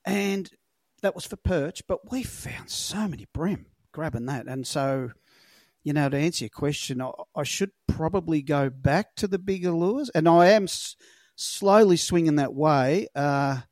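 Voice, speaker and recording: A man's voice: fairly high pitch, a little slow, a little mellow, no room sound, studio quality. An Australian man with a laconic, colloquial way of telling rambling stories in a casual podcast chat, swearing freely. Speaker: podcast guest, lure fisherman.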